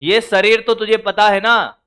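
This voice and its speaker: A man's voice: high voice, steady tone, a little slow, pushed and bright, clean tone. A man teaching physics exam strategy in a lecture, with a Hindi accent, scolding students in a colloquial, brotherly way.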